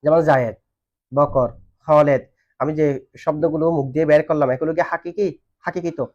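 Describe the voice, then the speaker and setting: Male teacher, quick and slightly high, drilling students with questions; lo-fi recording. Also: fairly even intonation, darkish tone. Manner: asks questions and has students answer back. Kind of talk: classroom lesson on Arabic grammar. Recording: dull lo-fi recording.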